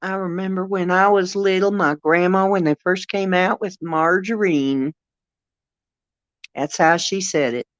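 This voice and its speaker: This channel host, older and with a Northeastern Ohio accent, talks a little slowly at medium pitch during a relaxed livestream chat. He is expressive, laughs a lot, and trails off with fillers, while the audio sounds dull and has no room echo.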